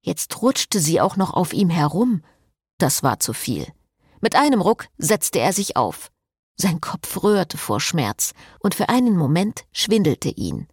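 A woman narrating a novel in an expressive, measured audiobook reading. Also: lowish voice, slightly rough, no echo, clean studio sound. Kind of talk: scripted narration.

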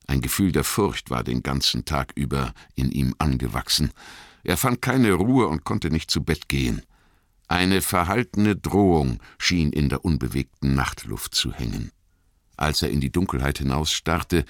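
A man narrating a fantasy audiobook with dramatic, expressive storytelling, recorded close to a studio mic. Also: extremely low pitch, no room sound.

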